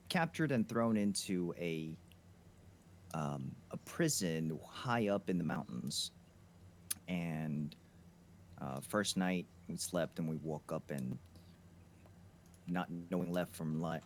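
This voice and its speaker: A man playing a tabletop game, describing his character in casual chat with lots of ums and pauses. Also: low-pitched, a little hiss or hum. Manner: halting, many ums.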